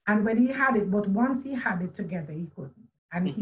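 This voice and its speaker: A middle-aged woman, an author on a video call, tells a personal story a little fast in an expressive, medium-pitched voice. The webcam sound is phone-like, and she is at home in a room with a chandelier. Earnest and reflective, she keeps restarting sentences and quotes speech often.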